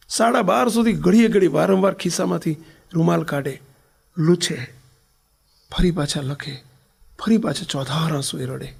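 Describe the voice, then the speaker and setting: A man with a Gujarati accent gives a storytelling sermon as a swami. His voice sits a little high, with a gravelly, husky edge. He swings between loud, stressed lines and soft, near-whispered ones. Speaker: swami giving a religious discourse.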